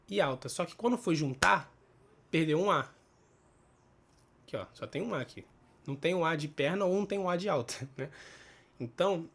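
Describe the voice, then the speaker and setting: Man, Brazilian accent, relaxed spelling teacher, a bit high-pitched, thinks aloud, frequent checks for understanding. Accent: Brazilian Portuguese. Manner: explains step by step, checks in with tag questions; thinks aloud with restarts and self-corrections. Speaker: Portuguese teacher. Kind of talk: casual spoken grammar lesson.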